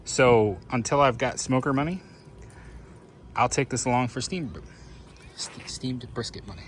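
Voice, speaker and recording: A man's voice: mid-range voice, unhurried, a little hiss or hum. A man talking in a casual, informal vlog style, thinking aloud as he narrates his chores. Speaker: RV living vlogger. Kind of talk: casual first-person vlog chat while doing chores.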